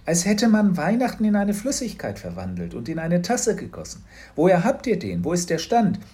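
A man's voice: sits high, wildly swooping pitch, moderate pace, voice pushed up. Fussy health-food mum, doting, lifted voice, a man plays her in a children's audiobook. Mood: amazed. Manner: doting, gently scolding. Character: fussy health-minded mother.

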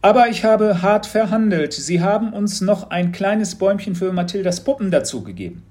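Storybook dad: man doing a blustery, fast, loud father, high and exclaiming. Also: animated. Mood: excited. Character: excitable talkative dad, blustery and bargain-proud. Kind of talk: audiobook storytelling.

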